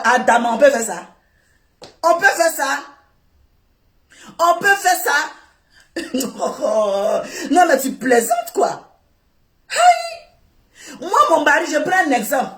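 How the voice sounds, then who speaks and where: A high-pitched woman delivers a heated rant straight at a man, scolding, repeating herself and bursting into shouts. Her voice rings around an echoey room. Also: lively intonation, normal speed. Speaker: online commentator.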